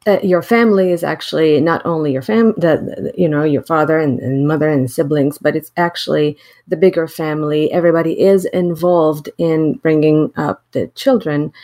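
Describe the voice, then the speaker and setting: A woman's voice: sits low, normal speed, darkish tone. A middle-aged woman from Syria, a professor, answering interview questions in a thoughtful, hesitant way with many fillers and restarts. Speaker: associate teaching professor.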